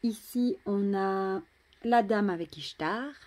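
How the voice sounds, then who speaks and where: A French woman casually showing and admiring tarot cards, chatty, often dropping to a soft murmur. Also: mid-range voice, slow pace. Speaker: tarot deck reviewer. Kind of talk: casual show-and-tell.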